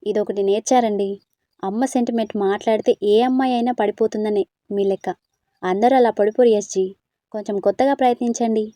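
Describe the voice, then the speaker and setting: A woman's voice: medium pitch, steady tone, fairly quick, warm tone, no room sound, natural voice. A woman voicing a feisty, bossy young woman in a storybook, scolding and teasing.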